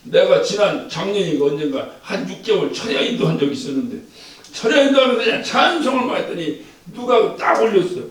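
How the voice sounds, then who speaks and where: A male pastor giving a sermon in a church. He is animated, chuckles as he preaches, and asks the congregation questions. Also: high-pitched, fairly quick. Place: church sanctuary. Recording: echoey church hall from far off.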